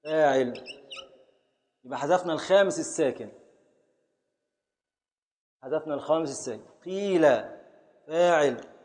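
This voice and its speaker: A man's voice: a little high, lively intonation, fairly quick, pauses often, a little mellow, big-room sound. A man teaching a class in Egyptian Arabic, patiently repeating and scanning words aloud and calling on his students. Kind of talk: classroom lesson on Arabic prosody and grammar.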